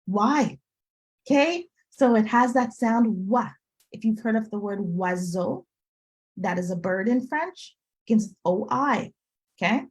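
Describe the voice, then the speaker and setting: A woman's voice: mid-range voice, expressive, takes it slowly, low-quality recording. A woman tutor teaching a live online class to parents, upbeat and teacherly, often checking in with "okay?", heard through a video call. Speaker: French tutor.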